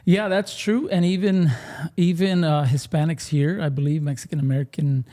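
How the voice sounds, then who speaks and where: A man's voice: a little high, steady tone, normal speed, mellow. A man, a pastor hosting a show, interviewing a guest in an affirming, conversational way. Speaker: pastor and podcast host.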